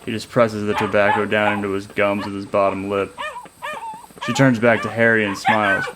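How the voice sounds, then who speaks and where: Low, flat-voiced male storyteller. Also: background noise. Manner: steady, flat, measured delivery. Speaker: narrator. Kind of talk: scripted story narration.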